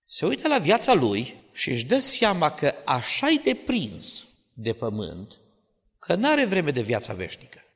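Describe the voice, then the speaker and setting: Animated male preacher in a reverberant hall. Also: on the high side. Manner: animated storytelling with dramatic swings. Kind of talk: sermon. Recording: long church-hall reverb.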